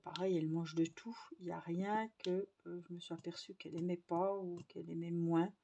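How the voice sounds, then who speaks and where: Chatty mum, lowish voice. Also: female voice, steady tone, brisk, mellow, slight background noise. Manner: chatty, rambling with many fillers and restarts. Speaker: vlogger. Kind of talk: casual chat to viewers.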